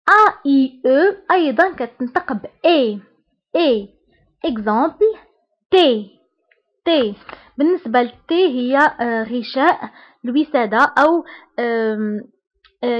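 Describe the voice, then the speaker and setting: A woman with a Moroccan Arabic accent teaching a French lesson, saying each example word slowly and repeating it. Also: high-pitched, lo-fi sound. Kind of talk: language lesson.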